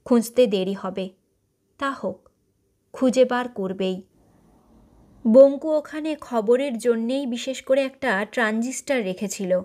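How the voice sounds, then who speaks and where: A woman storyteller reading a short story aloud in a measured, expressive narration. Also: fairly high pitch.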